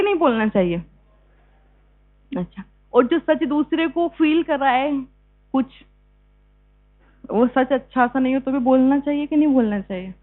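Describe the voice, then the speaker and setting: A woman lecturing a class of students on yoga, talking conversationally and often checking in with quick questions. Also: sits high. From India. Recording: tinny phone-like lecture recording.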